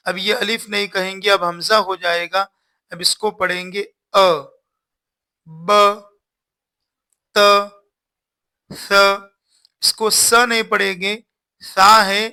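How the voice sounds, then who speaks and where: A man's voice: sits high, gravelly, sharp tone. A man teaching Quran reading in a recorded lesson, patiently repeating instructions and sounding out the letters one by one.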